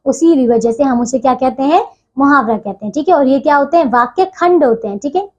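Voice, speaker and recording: A woman's voice: high-pitched, a little fast, highs cut off. A woman teacher explaining a textbook lesson to children, patiently repeating phrases and checking in often.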